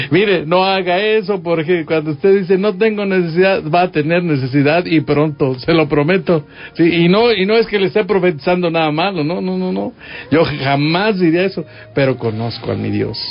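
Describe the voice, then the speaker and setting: A man's voice: mid-range voice, vocal fry. Mexican guy preaching on the radio, chatty, keeps asking questions, dull lo-fi sound w faint music. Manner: conversational, asks the listener questions. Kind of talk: radio Bible teaching.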